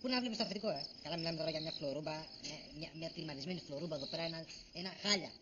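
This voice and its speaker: A man's voice: a little high, noisy background, close to an everyday voice. A man playing a whiny overworked office grumbler. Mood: complaining. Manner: whiny, complaining, exasperated. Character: grumbling overworked young man, dramatic complainer. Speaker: put-upon office worker. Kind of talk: TV comedy series acting. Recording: dull lo-fi TV audio with music.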